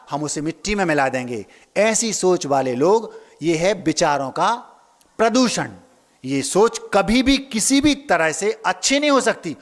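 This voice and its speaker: A man's voice: high voice, a bit bright. A man giving a sermon as a monk, emphatic, asking rhetorical questions and acting out the people he quotes. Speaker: Jain monk preacher. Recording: long hall reverb.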